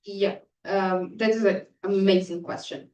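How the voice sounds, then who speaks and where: A woman of middling pitch gives a live startup pitch and fields questions, lively and a little teasing with the crowd. Her voice bounces around a reverberant room. The mic sits well away from her. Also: unhurried, dull audio. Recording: echoey room, distant mic.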